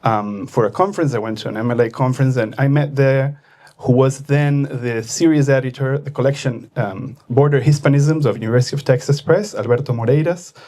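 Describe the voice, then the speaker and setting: A man from Argentina, an author in his thirties, speaking at a book launch in a thoughtful, hesitant way with many fillers and pauses. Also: medium pitch, a little mellow.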